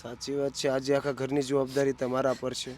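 Gentle man asking questions. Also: medium pitch, monotone, brisk, slight background noise. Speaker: charity worker interviewer. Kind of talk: interview.

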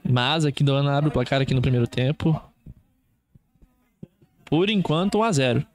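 A man's voice: mid-range voice, expressive, normal speed, faint music behind. A man with a Brazilian accent doing live football play-by-play as a commentator, in short clipped running phrases.

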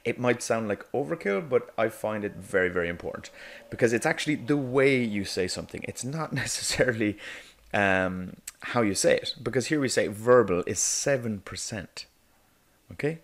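An Irish male coach with a low, fairly bright voice narrates a negotiation course for an animated whiteboard video at a moderate, animated pace. His delivery is chatty, full of "okay?" check-ins and "um" fillers, with light laughter mid-sentence.

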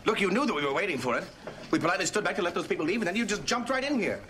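A man's voice: sits high, lively intonation, very fast, pushed and bright. An actor playing a pompous, eloquent American man in his forties in a sitcom, speaking formally and theatrically. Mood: indignant. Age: 40s. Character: pompous, righteous, theatrical older brother. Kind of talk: sitcom acting before a live audience. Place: busy cafe set. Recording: noisy sitcom soundtrack with audience.

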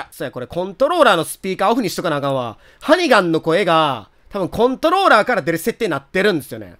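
Excitable Kansai man with a bright voice. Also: sits high. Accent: Kansai Japanese. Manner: excitable, loud outbursts and joking asides. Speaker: gameplay commentator. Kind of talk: casual game commentary.

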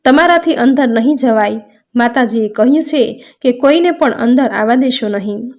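Bold young boy, as a woman reads him, defiant, challenging, devotional storybook, slightly high. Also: normal speed, a little mellow, natural voice.

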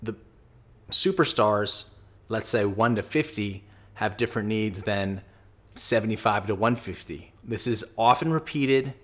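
A man's voice: on the low side, a little slow, a bit bright. Sarcastic man ranting into a studio mic. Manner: sarcastic, argumentative. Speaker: host. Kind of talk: opinionated commentary vlog. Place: small home office. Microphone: studio mic on boom, close.

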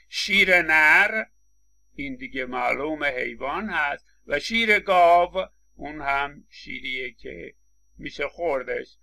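A man's voice: on the high side, gravelly, sharp tone. A man giving a recorded lecture, explaining with examples, acting out short quotes and often stammering on restarts. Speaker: linguistics lecturer.

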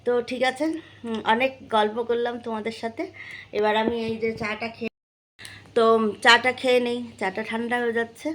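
A woman's voice: fairly high pitch, flat delivery, fairly quick, a bit bright, slight background noise, poor audio. A young woman from West Bengal, chatting casually to her viewers in a vlog, with many fillers and restarts. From West Bengal, India. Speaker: vlogger.

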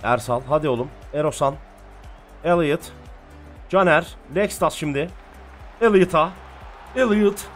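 Excitable man calling a football match. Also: fairly high pitch, unhurried, pauses often, faint music behind. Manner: shouts encouragement at his players, calls play-by-play. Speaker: gaming streamer. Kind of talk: excited football game commentary.

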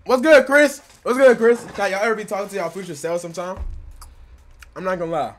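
A young man with a high, light voice, chatting loosely with his stream audience from a small bedroom. He reacts loud and joking, calling out to chat between laughs. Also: fairly quick, a little hiss or hum. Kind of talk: casual live-stream commentary.

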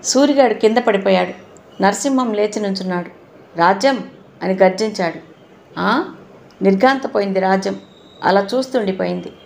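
A woman narrates an audio novel in a steady, measured voice. Her tone has a gravelly edge, and her pitch sits in the middle range. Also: slight background noise.

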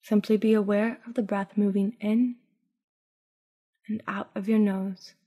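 Her voice mid-range and soft, a woman tells a guided sleep meditation in the manner of a sleep story. The pacing is calm and unhurried, phrases end breathily, and a long reverb tail hangs on every line.

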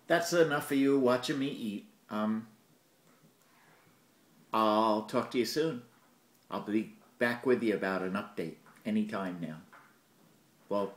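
A man vlogging casually, rambling with joking asides and talking while he eats. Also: on the low side. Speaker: vlogger and storytelling show host. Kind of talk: casual vlog. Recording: echoey room.

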